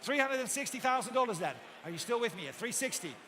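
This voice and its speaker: A man's voice: very high voice, lively intonation, quick pace, pushed and bright. A man working as an auctioneer, calling live bids in repetitive, insistent runs of numbers while politely addressing bidders. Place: large auction hall with bidders present. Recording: echoey hall PA with background noise.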